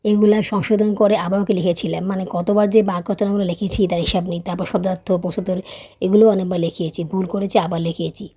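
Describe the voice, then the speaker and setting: A woman in her young adult years narrating her daily vlog as a voice-over, quick and chatty, with a soft, mellow tone. She tells her family story in a casual, personal way and keeps checking in with her listeners. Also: lowish voice, level tone, slightly rough. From Bangladesh. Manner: chatty, storytelling, often adds tag questions; raised, scolding teacher voice when tutoring her child. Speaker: vlogger, mother.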